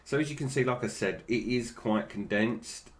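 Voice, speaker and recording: A man's voice: medium pitch, moderate pace. A British man giving casual, unscripted toy review commentary, with slightly slurred, toothless articulation that stumbles over names.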